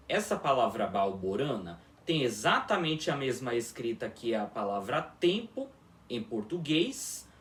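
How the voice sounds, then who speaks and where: A man gives a slow, deliberate language lesson, his pitch rising and falling in lively swings as he keeps checking whether the listeners follow. He sounds set back from the microphone in an echoey room. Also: far from the mic. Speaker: teacher of an invented language. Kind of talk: formal video lesson.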